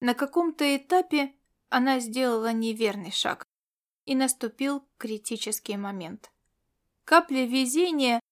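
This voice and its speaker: Woman narrating an audiobook, higher voice. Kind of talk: scripted narration.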